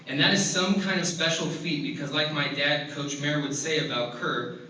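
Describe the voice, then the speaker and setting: A man's voice: a little high, steady tone, moderate pace, bright, forceful tone, recorded from a distance, a little hiss or hum. Man giving a speech in an echoey hall. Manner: chuckles often while telling stories. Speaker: former teammate giving a hall of fame speech. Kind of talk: humorous speech with anecdotes. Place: large hall at an induction event.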